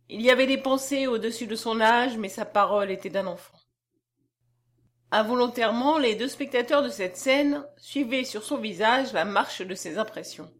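A woman reads a classic novel aloud in a measured, expressive way. Her voice sits a little high for a woman and suits a slow, literary narration. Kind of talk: audiobook reading of a classic novel.

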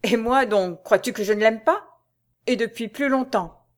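A woman's voice: a little high, unhurried, lightly acted. A woman voicing a hot-tempered elder brother in an audiobook, reading his lines with agitated outbursts. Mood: outraged.

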